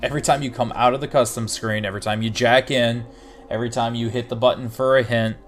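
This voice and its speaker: A man co-hosting a casual gaming podcast, talking in an animated way and jumping into quick quotes. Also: mid-range voice. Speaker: podcast co-host.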